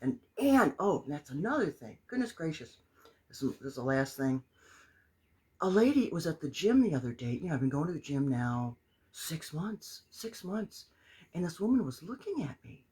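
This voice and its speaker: A chatty older woman talks to viewers on a live stream, coaching them on habits. Her voice is a little husky and breathy, and it swings widely in pitch. She calls out to viewers by name between her points. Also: big pitch swings, normal speed, dark tone. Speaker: motivational coach. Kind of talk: casual live-stream chat.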